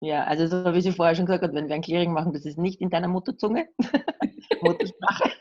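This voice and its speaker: A woman interpreting into German in a halting, restarting way, often laughing. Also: fairly low pitch, steady tone, warm tone, dull audio. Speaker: interpreter and co-host. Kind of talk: live interpreting, casual.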